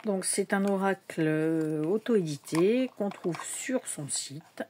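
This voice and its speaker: A woman's voice: on the low side, expressive, slow pace, warm tone, a little hiss or hum. A woman in a casual vlog, showing her tarot decks in a chatty, hesitant way with many fillers, sometimes dropping to a whisper. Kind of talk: casual show-and-tell vlog.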